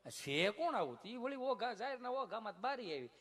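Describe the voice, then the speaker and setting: High-voiced guy doing stand-up stories, kathiawadi gujarati accent, chatty and lively. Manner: chatty, storytelling, quick to slip into voices. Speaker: stand-up comedian. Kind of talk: folk stand-up comedy storytelling.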